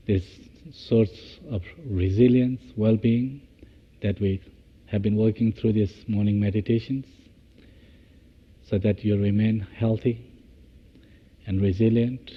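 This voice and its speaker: A meditation teacher guides a session in a lowish, husky voice, speaking in measured short phrases separated by long pauses. The recording sounds dull and muffled, with a big-room quality.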